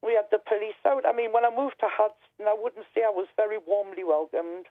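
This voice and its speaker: A woman speaks as a phone-in caller, recounting personal experience conversationally. Her delivery is hesitant and reflective at a medium pitch. The line is narrow, dry and telephone-like. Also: steady tone, brisk, no room sound. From Berkeley. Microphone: telephone call to radio show.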